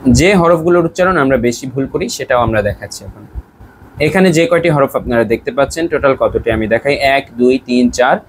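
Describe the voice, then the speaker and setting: A male teacher leads a slow alphabet lesson, naming each letter and repeating its sound several times for his learners. His voice sits at an ordinary middle pitch. A faint noise runs under the recording. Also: lively intonation. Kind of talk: online lesson.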